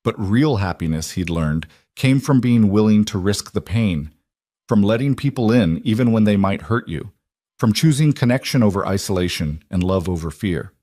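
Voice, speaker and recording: A man narrating a romance story in a calm, measured scripted storytelling voice. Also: fairly low pitch, no room sound, studio quality.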